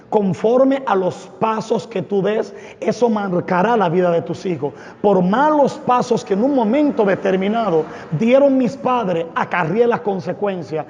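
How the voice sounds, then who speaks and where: High, mellow-voiced man giving fervent testimony. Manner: fervent, dramatic storytelling. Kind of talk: emotional church testimony. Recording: echoey hall, dull lo-fi sound.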